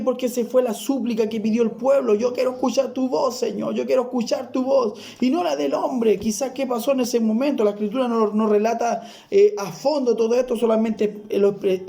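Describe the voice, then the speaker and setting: High-voiced fervent man preaching. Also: moderate pace, vocal fry, few pauses, dark tone. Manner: fervent preaching, often addresses listener as brother. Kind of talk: sermon.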